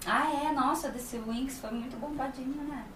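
A woman's voice: high-pitched, steady tone, normal speed. A woman hosting a podcast interview, chatty and enthusiastic. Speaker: podcast host, voice actress. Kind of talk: casual interview chat. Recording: roomy, distant mic, background noise.

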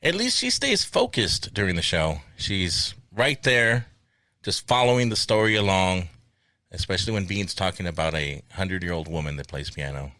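A man's voice: low voice, animated, normal speed, pushed and bright, dry recording. A man hosting a podcast, introducing clips and calls with dry, wry remarks. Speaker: podcast host and producer. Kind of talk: casual chat.

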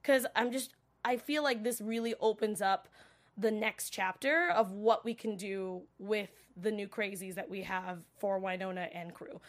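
A woman getting over a cold, chatting casually and rambling with many fillers as she reacts to a show and reads viewer comments. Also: on the high side. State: recovering from a cold, coughing. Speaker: livestream show recap host.

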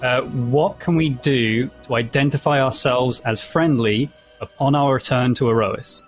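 Mid-pitched man playing a tabletop game. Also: unhurried, faint music behind. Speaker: player. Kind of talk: casual tabletop game chat.

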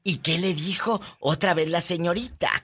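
A woman from Mexico hosting a radio call-in show, dramatic and gossipy, shouting catchphrases. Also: fairly low pitch, normal speed, breathy edge.

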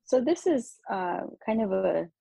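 A woman's voice: mid-range voice, sing-song, a little slow, gravelly, mellow, breathy edge, no echo, poor audio. A woman military veteran, a guest in an interview, speaking bluntly and candidly with dry sarcasm. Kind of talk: conversational interview.

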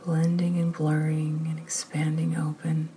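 Woman, guided meditation, whispery, soothing, low flat voice, faint background rumble. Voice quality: soft whispery delivery. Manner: slow, soothing, calm.

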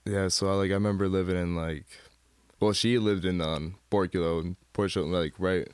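Low-voiced young man, rambling chat. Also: fairly even intonation, normal speed, clean tone, no echo. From Michigan, USA. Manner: rambling, many fillers and self-corrections. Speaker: guest. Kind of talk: casual interview chat.

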